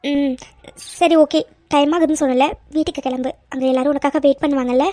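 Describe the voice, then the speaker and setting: A tender, hesitant young woman, voiced by a woman, speaks in a soft voice in this cartoon dub. Her voice sits very high, and it is recorded dry and close. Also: fairly even intonation, a little fast, dry recording, lightly acted. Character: tender, emotional young woman, often tearful.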